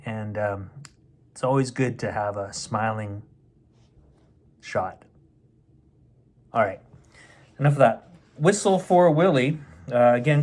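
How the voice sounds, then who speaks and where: A middle-aged man hosts a bedtime story show, reading a picture book aloud and adding playful, chatty asides for children. His voice is mid-range and a little mellow.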